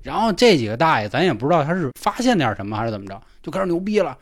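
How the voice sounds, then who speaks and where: A man's voice: on the high side, very fast, no room sound, studio quality. A man with a Beijing accent, a podcast host telling a funny story in casual chat and acting out the people in it. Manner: animated, acts out the others in the story.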